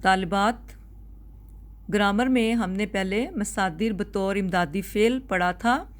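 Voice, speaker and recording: A woman teacher, giving a recorded grammar lecture to her students. She explains slowly and carefully, often restating a point before moving on. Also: mid-range voice.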